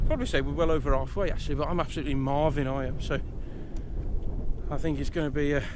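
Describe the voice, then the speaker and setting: A man's voice: fairly high pitch, fairly even intonation, fast talker, noisy background. Chatty man vlogging on a hike. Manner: chatty, joking, loose with fillers. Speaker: hiking vlogger. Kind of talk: casual vlog narration. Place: outdoors on windy hills.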